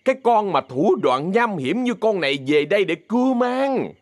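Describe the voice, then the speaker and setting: A man voicing a fierce older woman who runs a theater troupe, cursing and yelling threats in a Southern Vietnamese accent. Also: mid-range voice, lively intonation, moderate pace, no echo, close to an everyday voice. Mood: raging.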